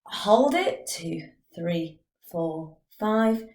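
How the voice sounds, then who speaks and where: A woman drama teacher guides a vocal warm-up, calmly counting out the breaths. Her voice sits a little low and carries an echo from the room around her. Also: moderate pace. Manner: calm, counting out breathing exercises. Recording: echoey room.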